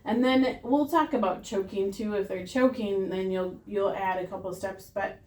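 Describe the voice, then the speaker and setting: A woman's voice: medium pitch, moderate pace, darkish tone. A woman teaching a hands-on CPR class, patient and practical, encouraging her students. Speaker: CPR instructor. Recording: roomy classroom sound.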